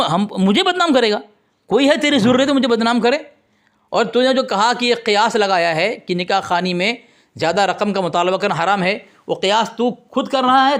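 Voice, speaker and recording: A man with a fairly high voice argues in a heated religious debate. He is combative and accusing, pressing his opponent for proof. He keeps breaking off to address the listeners directly. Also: fairly bright tone.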